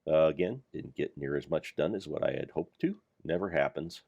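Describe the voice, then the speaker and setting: A man's voice: very deep voice, lively intonation, brisk, vocal fry, warm tone, dry recording, highs cut off. An older man giving rambling, self-deprecating commentary over his gameplay of a Minecraft mod pack. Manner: meandering, self-deprecating, jokey.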